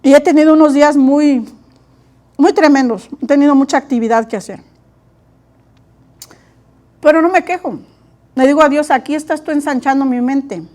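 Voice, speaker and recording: A woman preaching a sermon, lively, acting out her own inner voice, her eyes watering from allergies. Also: high voice, normal speed, pauses often. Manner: animated, acts out her own inner dialogue.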